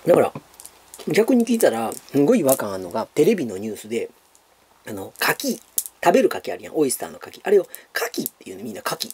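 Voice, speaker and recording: A man's voice: mid-range voice, huge pitch swings, rapid-fire, warm tone, slightly rough. A man with a Kansai accent chatting casually as a YouTuber, answering viewer questions in a rambling way full of fillers and referring to himself by his nickname. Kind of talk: casual Q&A monologue.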